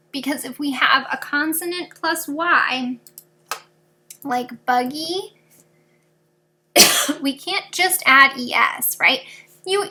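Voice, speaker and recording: A woman with a high, bright voice leads a recorded video lesson for fourth graders. She walks through each rule patiently, giving examples for every step. Her tone is clear and easy for children to follow.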